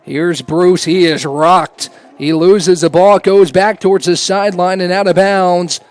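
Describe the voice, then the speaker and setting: A man's voice: high-pitched, fairly even intonation, a little slow. A man giving live play-by-play commentary on a lacrosse game. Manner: raises voice to a shout on goals.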